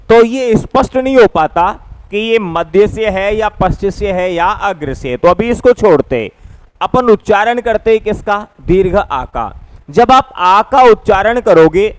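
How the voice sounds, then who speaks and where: A man teaching a grammar class, his voice high and smooth. He poses rhetorical questions and answers them himself, stretching out vowel sounds as examples. The recording is close and dry. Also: no room sound. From Rajasthan, India. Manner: drawn-out demonstrative vowel sounds. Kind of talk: classroom lecture.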